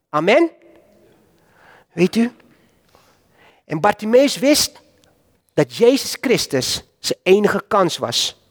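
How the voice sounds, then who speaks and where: Man, preacher, sermon, high voice, slow deliberate delivery, talks straight to the congregation. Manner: animated, addresses the congregation directly.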